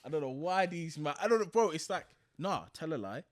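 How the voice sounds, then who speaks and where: A man from Croydon, South London, with a South London accent hosts a podcast in a studio-quality recording with no echo. His voice is a little high, with big pitch swings and a brisk pace, as he tells animated anecdotes in slangy, casual chat, repeating phrases for emphasis.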